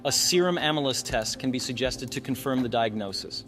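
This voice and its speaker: This radiology instructor presents a case explanation and quizzes the viewer along the way, speaking briskly and with animation. His mid-range voice is a bit bright, and faint music plays behind him.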